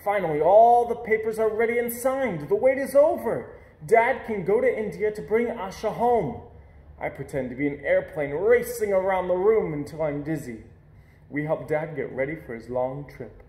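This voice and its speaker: Here a man gives an expressive storytelling reading of a children's picture book. He pitches high, keeps a moderate pace, and sounds like he's in a roomy space.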